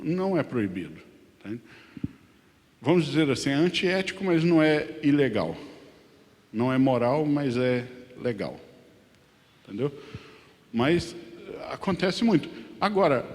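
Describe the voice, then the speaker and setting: A Brazilian pastor teaching a Sunday Bible class in a conversational way, often asking the class questions. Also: male voice, mid-range voice, darkish tone, long reverb tail. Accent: Brazilian Portuguese. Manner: conversational, asks the class questions, many tag questions; sings lyric lines slowly. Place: church hall.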